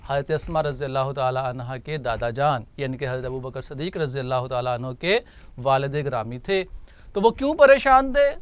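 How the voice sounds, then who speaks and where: A male teacher with a Pakistani accent giving an online textbook lecture, explaining each word slowly in two languages. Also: on the high side, smooth, no room sound. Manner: slow, deliberate, explains words in two languages.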